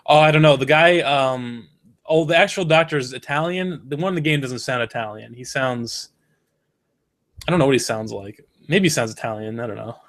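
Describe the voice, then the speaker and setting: A man co-hosts a casual online show, rambling through explanations and trailing off into fillers. His voice sits at a middling pitch and stays easygoing throughout. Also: normal speed, fairly bright tone. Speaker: co-host. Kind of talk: casual chat.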